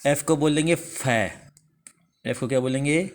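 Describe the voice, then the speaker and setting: A man with an Indian accent teaching the English alphabet in a slow, repetitive lesson, asking a question and then answering it himself. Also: fairly high pitch, fairly even intonation, darkish tone. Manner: slow, repeats each answer after asking it.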